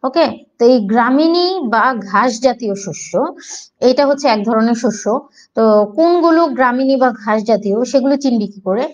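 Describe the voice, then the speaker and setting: A high-pitched woman with a Bangladeshi Bengali accent teaches an online agriculture class. She explains patiently, breaking terms into syllables, heard through a dull, lo-fi recording. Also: lively intonation, brisk.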